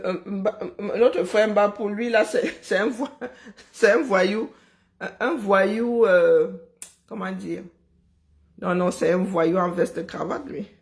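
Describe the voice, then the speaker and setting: A woman hosting a live stream, talking in an animated, sarcastic, chatty way. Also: fairly low pitch. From Cameroon. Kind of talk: casual live commentary.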